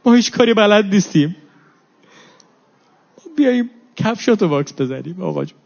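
A man's voice: sits high, very animated. A man preaching a mourning sermon, reciting Arabic lines and then explaining each one in Persian. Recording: dull lo-fi recording.

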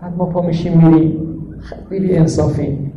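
Slightly high and warm, with fairly even intonation, a man's voice carries a sermon through slight background noise. The preacher questions his audience rhetorically, underlines his points with emphasis, and recites Arabic verses; the hall recording sounds dull and echoey.

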